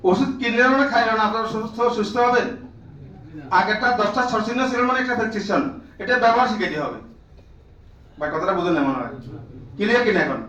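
A high-voiced man gives a classroom lecture to teachers and keeps firing questions at the room to make them answer. The sound is roomy and echoing, picked up from a mic some distance away. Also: fairly bright tone, highs cut off. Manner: drills the room with repeated questions, prods listeners. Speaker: teacher trainer.

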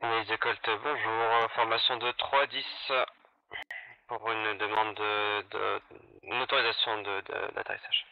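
A man making halting radio calls as a flight lead pilot over a cockpit headset, with many fillers. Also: lowish voice, flat delivery. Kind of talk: radio calls to air traffic control. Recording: muffled radio headset line.

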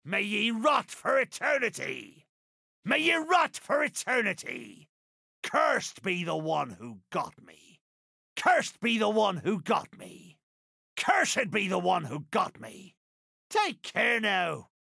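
Captain Barbossa, gravelly swaggering pirate. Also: male voice, high-pitched, very animated, sharp tone, no echo, studio quality, heavily acted. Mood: outraged. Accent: pirate dialect. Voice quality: gravelly, raspy. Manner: theatrical, drawn-out, archaic pirate speech. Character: swaggering, vengeful male pirate captain, boastful and menacing. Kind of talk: video game character voice acting.

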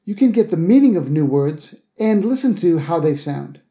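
Mellow man teaching English pronunciation. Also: on the high side, very animated. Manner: slow, careful enunciation of example words. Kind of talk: scripted pronunciation lesson.

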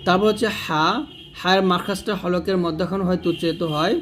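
Guy teaching quran pronunciation, slowish, a bit high voice, says sounds over and over. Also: fairly even intonation, a bit bright, a little hiss or hum. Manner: slow, repetitive, demonstrates letter sounds; addresses viewers directly. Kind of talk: tajweed lesson.

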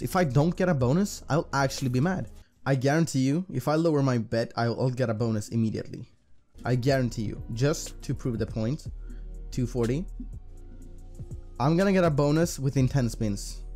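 A slots streamer gives his viewers casual gambling commentary in profane, slangy bro talk. His voice is medium-pitched and warm, with music playing behind it.

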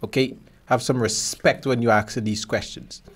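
A young podcast host from Guyana, whose Caribbean English mixes Guyanese and Bahamian, runs a casual interview from a small desk studio with a mic on a stand. He's easygoing and jokey, laughing often. His voice is medium-pitched, slightly rough and fairly even, at a normal speed.

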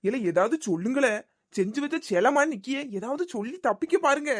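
A defiant village woman with a Thoothukudi Tamil accent, played by a woman, in a comedy sketch. Her voice is fairly high, and she fires back brash, rhyming denials. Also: lively intonation, a little fast. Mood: teasing. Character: defiant village woman accused of stealing a hen.

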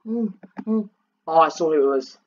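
A man talks casually through a game pack opening, circling back and restarting his sentences. His voice sits a bit high. The recording is dull and lo-fi. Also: lively intonation, moderate pace, slight background noise. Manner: chatty, hesitant with restarts. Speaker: gaming channel co-host. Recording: dull lo-fi sound.

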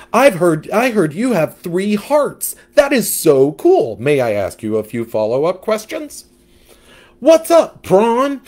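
A man putting on a naive, eager little male fish from a storybook, pitched far above his own voice. He chatters brightly and excitedly. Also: exaggerated voice.

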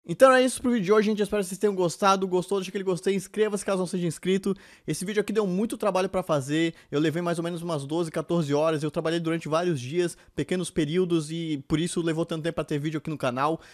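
A young Brazilian man with a fairly high voice chats casually to his viewers. He speaks as a YouTuber close on a desk mic, with faint music. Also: steady tone, very fast, hardly any pauses. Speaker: YouTuber and streamer. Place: small furnished room. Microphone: close desk microphone.

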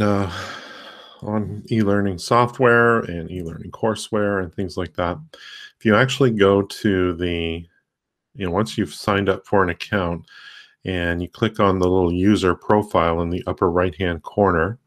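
A man hosting a casual tutorial livestream, talking in a rambling, halting way with many fillers and restarts. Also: low voice. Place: home desk with a laptop.

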